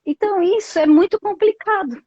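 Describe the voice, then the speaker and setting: A woman psychologist guest with a Brazilian Portuguese accent talks fairly quickly in a very high-pitched voice. On this live video call she is thoughtful and leans on fillers and tag questions; the dull lo-fi audio carries crowd noise.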